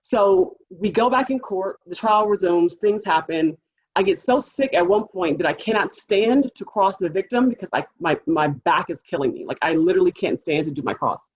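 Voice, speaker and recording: A woman public defender telling a courtroom story to a panel audience, lively and animated, acting out the people she quotes. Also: on the low side, moderate pace, husky, lo-fi sound.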